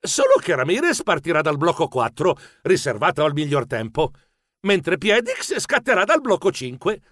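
A man narrating a children's audiobook with expressive, lively storytelling. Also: a little high, normal speed, dry recording, studio quality.

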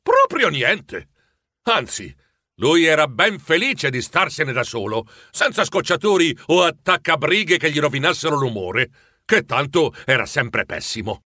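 A man narrating a storybook in an expressive, animated way. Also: a little high, normal speed, no echo, studio quality.

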